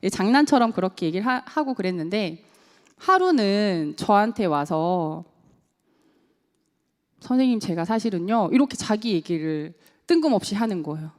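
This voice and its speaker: A woman's voice: mid-range voice, moderate pace. A woman, a parenting coach and teacher, giving a seminar talk to parents, asking the audience questions and acting out quotes. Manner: animated, asks the audience questions and acts out quotes. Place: church hall. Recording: echoey church hall.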